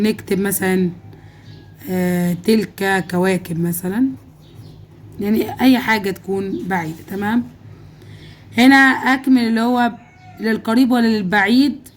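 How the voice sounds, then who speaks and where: Egyptian woman teacher, patient and steady. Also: medium pitch. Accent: Egyptian Arabic. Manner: patient, checks in with "okay?" often. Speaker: Arabic teacher. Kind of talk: worksheet walkthrough lesson.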